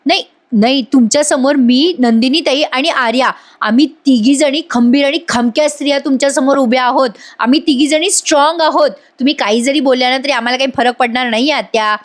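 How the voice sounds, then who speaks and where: A defiant young woman who stands her ground and scolds, voiced by a woman narrating. She speaks firmly, a touch high. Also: brisk, natural voice.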